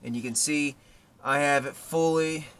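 Talking a little slowly with a bright, higher-pitched voice and fairly even intonation, a middle-aged vlogger casually explains his truck project. He stands by the vehicle in a residential yard, using a handheld camera mic at arm's length; the outdoor audio is noticeably noisy and has clicks.

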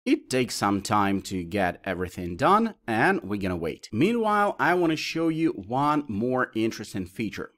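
Man, tutorial presenter, lively up-and-down delivery, listing options step by step, mid-pitched voice. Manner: lists options step by step, explaining as he clicks. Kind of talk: screen-recorded tutorial walkthrough.

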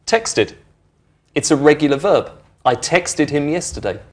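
Man explaining clearly. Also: a little high, lively intonation, a little slow. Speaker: presenter of an English lesson. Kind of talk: friendly teaching explanation. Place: indoor studio with brick walls.

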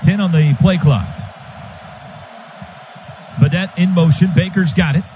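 Over the loud noise of a stadium, an American man calls live football play-by-play for radio in a high-pitched, unhurried voice. He speaks in clipped phrases, his excited calls rising as the action does.

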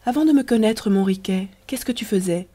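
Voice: mid-range voice, fairly quick, dark tone, pitched above the performer's own voice, natural voice. Un lecteur jouant Riquette, jeune amoureuse enjouée. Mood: taquine. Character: young woman in love, playful and lively.

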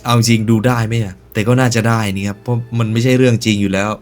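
This reaction video host has a mid-range voice, fairly even intonation, and a quick pace. His commentary is casual and slangy, mixing joking asides with narration, set against soft background music.

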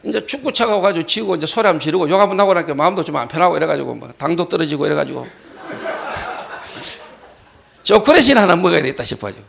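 A male pastor telling a personal story in a sermon and acting out shouted quotes. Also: on the high side, brisk, creaky, pauses often. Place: church hall.

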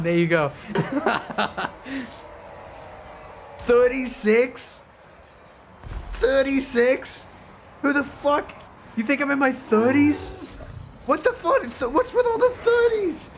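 A man in his twenties live-streaming a strategy game, rambling and swearing with excitable casual commentary. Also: very high-pitched, slow pace, long pauses, slight background noise. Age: 20s.

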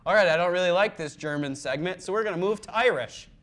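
A man's voice: sits high, quick pace, fairly bright tone. A young man hosting a student comedy how-to video, joking and playful. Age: young adult. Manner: jokey, playful, puts on silly accents.

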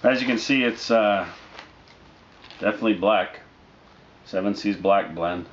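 Low-voiced man reviewing, dull noisy recording. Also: a little slow. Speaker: product reviewer. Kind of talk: casual review chat to camera. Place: living room, indoors, on a couch. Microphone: camera mic a short distance away. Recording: dull lo-fi audio with noticeable background noise.

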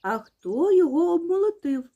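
A woman's voice: very high-pitched, big pitch swings, normal speed, dark tone, muffled recording, pitched above the performer's own voice, full character voice. A woman calling out as a hardworking storybook rooster. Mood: questioning. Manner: calling out, asking questions. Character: hardworking patient little rooster. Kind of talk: children's fairy-tale reading.

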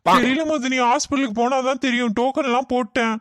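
An earnest young cartoon husband, a man with a fairly high voice. He talks in a calm, soothing way. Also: fast talker, no echo. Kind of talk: cartoon voice acting.

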